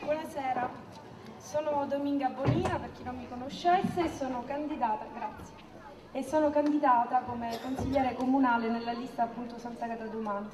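Female rally candidate, high voice, emphatic yet hesitant, clearly noisy recording. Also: fairly even intonation, brisk, crowd noise. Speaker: council candidate. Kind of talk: political rally introduction speech. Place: outdoor stage in a square at night. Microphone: podium stand microphone. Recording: echoey, dull, noisy distant public-address.

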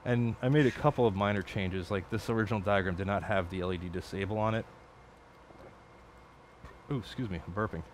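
A man with a fairly low voice talks his way through a late-night build at his home workbench. He rambles, swears and corrects himself as he goes. A faint hiss sits under the recording. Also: fast talker, hardly any pauses. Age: adult. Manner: rambling, profane, self-correcting. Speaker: electronics hobbyist streamer. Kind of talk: casual build commentary.

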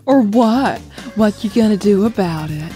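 Here is a woman performing a sultry cartoon bat treasure hunter, a teasing grown-up flirt. Her sassy drawl sits fairly high and swings up and down playfully, over music. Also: lively intonation, unhurried, mellow, close to an everyday voice. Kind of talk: comic dub voice acting.

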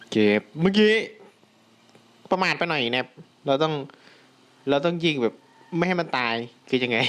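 A young man giving casual gameplay commentary, excitable, breaking into loud exclamations and talking to viewers. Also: medium pitch.

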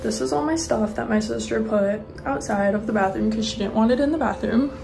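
A woman's voice: fairly high pitch, a little fast, creaky, background noise. A young woman in casual vlog chat, talking in a hotel room and saying "like" a lot. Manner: chatty, uses "like" often. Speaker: vlogger.

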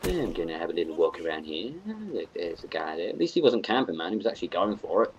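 A young man with a British accent talks through a match in a low, loose, chatty way, full of offhand asides. Steady gunfire and game noise keep rattling away under his voice. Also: quick pace, lo-fi sound. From United Kingdom. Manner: chatty, rambling, sarcastic about campers. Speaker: gaming commentator. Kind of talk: casual gameplay commentary.

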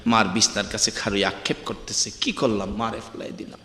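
A preacher voicing a grieving son lamenting softly. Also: male voice, fairly low pitch, steady tone, fairly quick, echoey room, in a large hall, voice pushed down. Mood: remorseful. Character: grieving grown son, remorseful and wailing.

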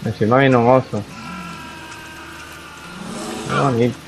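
A man's voice: medium pitch, fairly even intonation, slow, gravelly, slight background noise, low-quality recording. Man casually narrating his gameplay. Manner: chatty, reacts aloud to the game, talks to himself. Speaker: gaming YouTuber. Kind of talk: casual let's-play commentary.

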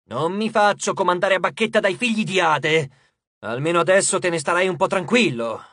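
A man's voice: high voice, moderate pace, fairly bright tone, no room sound, studio quality. A man voicing a scornful, capricious male god. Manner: breezy, scornful, lecturing. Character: haughty petulant male god, dismissive and capricious. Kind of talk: audiobook character reading.

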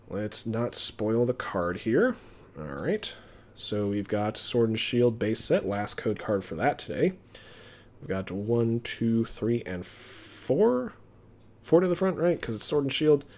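A man streaming himself opening trading card packs, chatting casually and getting excited over his pulls. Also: medium pitch. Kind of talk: casual live-stream commentary.

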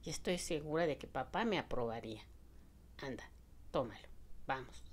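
A woman's voice: rumbling low, expressive, normal speed. A proud, commanding young lady, as a woman narrator voices her. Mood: insistent.

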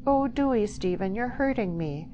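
A woman voicing a frightened, gentle young country woman who speaks in a soft rural dialect, with a steady hiss behind her. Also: mid-range voice, measured pace, lo-fi sound, voice pushed up, natural voice. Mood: pleading.

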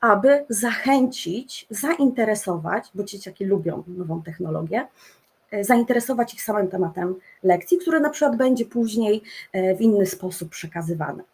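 A woman's voice: mid-range voice, expressive, moderate pace, a little mellow, husky. A middle-aged woman, a special education teacher, presenting at an online conference, speaking off the cuff with many filler sounds and restarts, over a computer mic. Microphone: computer mic on a video call.

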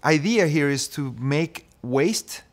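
A Colombian-accented systems engineer in his thirties, a native Spanish speaker, earnestly explains his project in a documentary interview at an indoor maker workshop. His voice is on the high side, animated and slow, with music playing in the background.

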